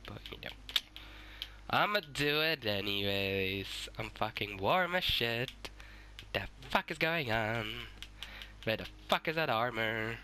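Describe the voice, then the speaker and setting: A sick, hoarse man giving swearing, excitable let's-play commentary and shouting at the game. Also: fairly low pitch, a little hiss or hum. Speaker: gaming YouTuber.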